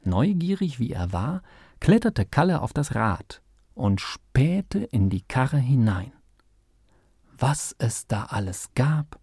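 A man narrating a children's audiobook in a slow, lively storytelling manner. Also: mid-range voice, breathy edge, dry recording, clean studio sound.

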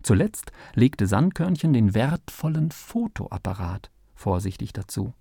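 A man narrating a children's audiobook in a slow, lively storytelling manner. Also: lowish voice, gravelly, breathy edge, no echo, clean studio sound.

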